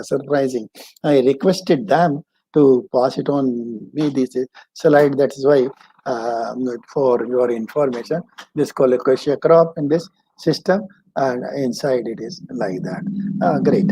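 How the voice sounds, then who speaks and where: Mellow Indian-accented man, halting lecturer. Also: mid-range voice, husky, rough recording. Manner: halting, with repeated phrases. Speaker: agricultural expert giving a webinar talk. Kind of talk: informal slide presentation lecture.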